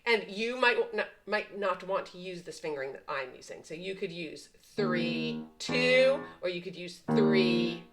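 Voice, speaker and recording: A woman's voice: on the low side, lively intonation, measured pace, few pauses, poor audio. A woman teaching piano patterns step by step, patiently explaining and counting the beats aloud. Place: at a piano, indoors. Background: piano playing.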